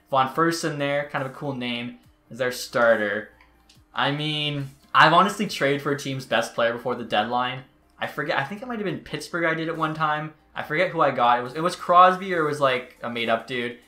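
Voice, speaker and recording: A gaming YouTuber gives casual gameplay commentary, chatty but breaking into exasperated outbursts. His medium-pitched voice is bright and forceful, and the recording has a roomy echo.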